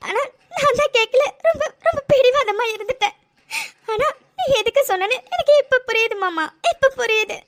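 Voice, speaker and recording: A woman's voice: extremely high pitch, moderate pace, a bit bright. A woman voicing a heartbroken young woman in a cartoon, pleading tearfully and apologizing. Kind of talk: cartoon voice acting.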